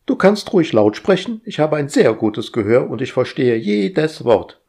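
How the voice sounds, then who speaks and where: A man's voice: fairly high pitch, big pitch swings, moderate pace, gravelly, darkish tone, slightly rough, pitched above the performer's own voice, exaggerated voice. A man voicing a fussy, literal-minded female household AI who scolds in a prim, pedantic way. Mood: prim scolding.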